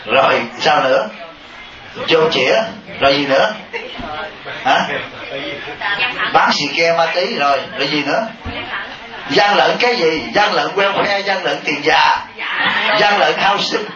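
A man giving a Buddhist Dharma talk to a congregation, lively and teasing, often asking the listeners questions. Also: on the high side, measured pace, pauses often, a crowd in the background. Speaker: Buddhist monk. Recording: dull, echoey hall audio from a distance with noise.

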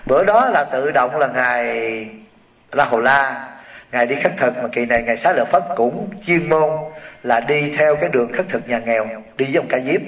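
A man with a Southern Vietnamese accent telling a Buddhist story as a sermon, animated and addressing the audience directly. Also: medium pitch, moderate pace. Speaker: Buddhist preacher. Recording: roomy hall, distant mic, dull sound.

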